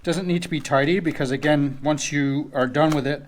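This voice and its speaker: Pitched on the high side, this man speaks at a normal pace with fairly even intonation. As host of a tutorial channel, he gives casual hands-on narration, explaining each step in a loose, hesitant manner and frequently correcting himself.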